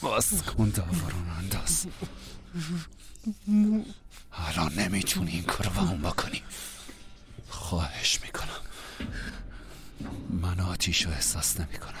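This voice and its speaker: A man's voice: deep voice, long pauses, noisy background. An actor playing a desperate man on the run in a dubbed film, often whispering urgently. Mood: hushed urgent. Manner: tense, often whispering, then shouting to calm someone. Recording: film score behind the voice.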